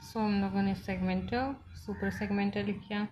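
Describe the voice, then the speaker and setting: A woman's voice: mid-range voice, steady tone, normal speed, a little mellow, soft background music. A woman teaching phonology for exam preparation, mixing Hindi with English in Indian-accented English. She explains step by step and keeps checking that her students follow. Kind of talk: bilingual exam-prep lecture.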